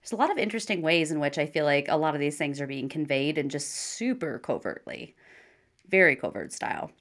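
Young woman co-host, low-ish voice with a lively swing, chatty, thinks out loud. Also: a little fast. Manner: chatty, thinks aloud with many fillers. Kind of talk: casual chat.

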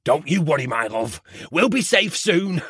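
A man's voice: on the high side, sing-song, unhurried, fairly bright tone, slightly rough, dry recording, clean studio sound, heavily acted. An actor playing a paranoid, crude male field reporter, gushing over his love with wild swings in his voice. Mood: lovestruck.

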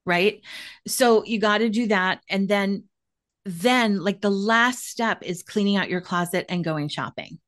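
A woman's voice: mid-range voice, a little slow, a bit bright. A woman in her forties, a wardrobe stylist, giving upbeat, emphatic advice in casual chat and repeating key points. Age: 40s.

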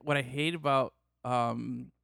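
A man hosting a casual chat, excitable and quick to exclaim, swinging between loud outbursts and low mutters. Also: vocal fry, clear, resonant tone, no room sound, studio quality. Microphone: studio microphone.

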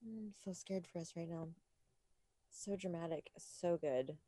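A woman's voice: on the low side, a little slow, no room sound, studio quality. A woman co-hosting a podcast in casual chat, laughing and swearing freely as she tells stories. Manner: swearing, laughing, animated storytelling. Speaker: podcast co-host.

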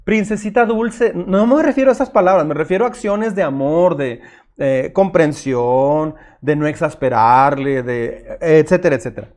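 A man's voice: on the high side, moderate pace, a little mellow. A middle-aged man, preaching a sermon as pastor in an earnest, direct way. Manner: earnest, direct, addresses listeners as usted, acts out their objections.

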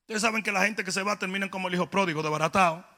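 A man with a Dominican accent preaching a humorous sermon, telling stories with comic voices and building to loud, emphatic peaks. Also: high voice, fairly even intonation, racing. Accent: Dominican Spanish. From Dominican Republic. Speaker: pastor.

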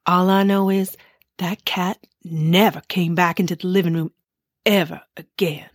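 A woman's voice: on the low side, fairly even intonation, unhurried, background noise, close to an everyday voice. A woman playing a friendly, talkative ball ornament in a children's audio drama, telling tales matter-of-factly. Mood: eager storytelling. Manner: chatty, matter-of-fact storytelling. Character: chatty, friendly female Christmas ball ornament, newcomer.

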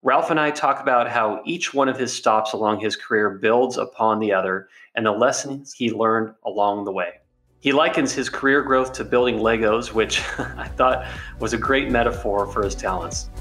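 A man's voice: on the low side, moderate pace, a bit bright, faint music behind. A man hosting an interview podcast, introducing his guest and steering the chat with friendly questions. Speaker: podcast host.

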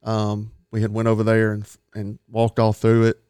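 A man's voice: lowish voice, monotone, moderate pace, warm tone, clear, resonant tone, no echo. A man telling a long hunting story in a rambling, folksy way, laughing at himself now and then. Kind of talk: casual storytelling.

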